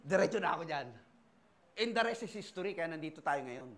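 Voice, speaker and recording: Animated Filipino pastor, high voice. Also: male voice, fairly quick, vocal fry, noisy background. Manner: animated storytelling, acting out voices and shouting lines. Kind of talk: sermon with personal testimony. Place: church service.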